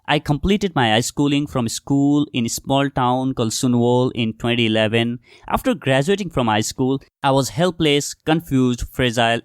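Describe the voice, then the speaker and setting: Young man, mid-pitched, earnest solo podcast host talking to "guys", dry close sound. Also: dry recording. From Nepal. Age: young adult. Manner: earnest, addresses listeners directly as "guys". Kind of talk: scripted solo podcast monologue.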